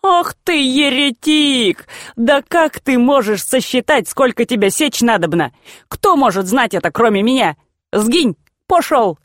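A woman voicing a gruff, excitable old grandfather in a storybook reading. He shouts, teases and banters in rough folk speech. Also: on the high side, a little slow, dry recording, clean studio sound. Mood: mocking.

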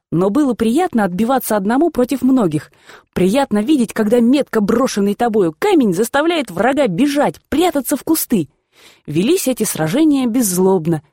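A woman reading a classic novel aloud in calm, even storytelling. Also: on the high side, no echo, studio quality. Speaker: audiobook reader. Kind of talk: scripted narration of a classic novel.

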